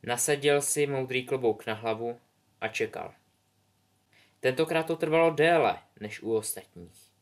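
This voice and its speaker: A man narrating a story in a calm, measured reading voice. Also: medium pitch. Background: soft music.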